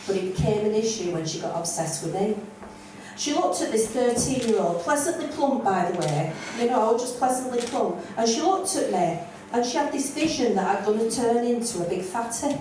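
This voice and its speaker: An older woman with a broad Lancashire accent works the room with blunt, self-deprecating humour. Her voice sits a little high and carries from a distance. The club sounds very echoey, with a steady murmur of audience noise underneath. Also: normal speed. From North West England. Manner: blunt, self-mocking, broad northern delivery. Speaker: stand-up comedian. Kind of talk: stand-up set. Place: comedy club stage.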